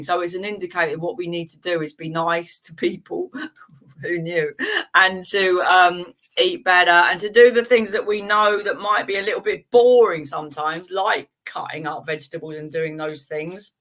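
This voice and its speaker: A woman with a fairly low, slightly bright voice hosts a live tarot reading stream. She chats warmly with viewers and reads cards for them, often using fillers and laughing.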